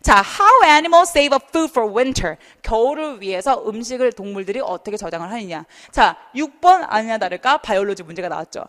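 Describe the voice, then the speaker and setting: A young adult woman teaching a TOEFL class online, chatty and lively, often asking students questions. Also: on the high side, moderate pace, few pauses, in a large hall. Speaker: TOEFL instructor. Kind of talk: online lecture.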